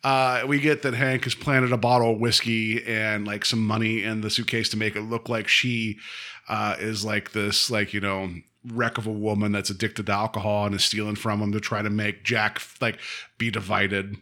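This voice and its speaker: A man with a bright, forceful voice, chatting loosely as a podcast co-host. He rambles, leans on "like" at every turn and keeps the talk loose and chatty. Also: on the low side, level tone, normal speed. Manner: rambling, full of "like" fillers, laughs often. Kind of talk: casual podcast chat.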